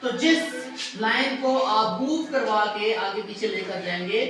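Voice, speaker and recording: A man's voice: sits high, takes it slowly, fairly bright tone. Patient male teacher in echoey classroom. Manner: patient, asks class to repeat answers. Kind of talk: classroom math lesson. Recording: echoey classroom from far off, faint noise.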